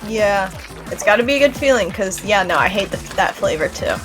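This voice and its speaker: A woman's voice: medium pitch, lively intonation, brisk. A woman streaming a game, chatting casually and rambling with many restarts. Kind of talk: casual chat while gaming. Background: game music.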